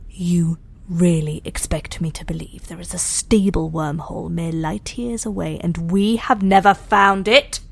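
A woman voicing a cool, politely menacing alien interrogator in a sci-fi audio drama, measured and condescending. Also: fairly low pitch, steady tone, gravelly.

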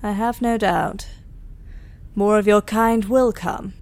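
A woman plays an alien interrogator in a sci-fi audio drama. She is mid-pitched and measured, with cool condescension and polite menace. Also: fairly even intonation, a little mellow, natural voice. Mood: coolly curious.

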